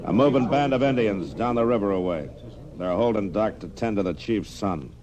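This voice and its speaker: An actor playing a grave, authoritative frontier marshal with an American accent in an old-time radio western. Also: male voice, lowish voice, moderate pace, crowd noise, lightly acted. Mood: firm. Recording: noisy old radio drama recording.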